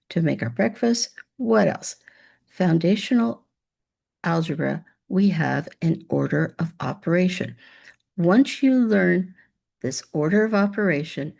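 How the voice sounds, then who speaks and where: Chatty teacher woman with gravelly voice. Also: fairly low pitch, dark tone. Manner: upbeat, chatty, talks to imagined students. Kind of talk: demo math lesson over screen share.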